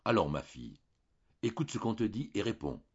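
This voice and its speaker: A calm village priest, as voiced by a male reader coaxes in a gentle, deep and husky tone. The audiobook recording sounds slightly muffled. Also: normal speed. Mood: coaxing.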